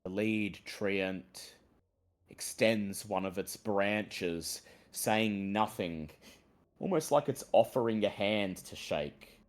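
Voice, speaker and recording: A man's voice: on the low side, slow pace. A man narrating a tabletop fantasy game as its game master.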